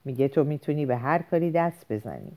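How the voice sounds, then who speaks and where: A woman voicing a worried, gentle mother who pleads softly with her son and husband. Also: rumbling low, expressive. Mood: pleading. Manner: soothing, pleading.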